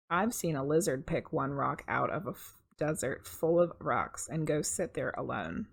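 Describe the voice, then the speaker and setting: A middle-aged woman with a low, slightly husky voice reads a kids' picture book aloud. She sounds expressive and conversational and makes casual side remarks to her viewers.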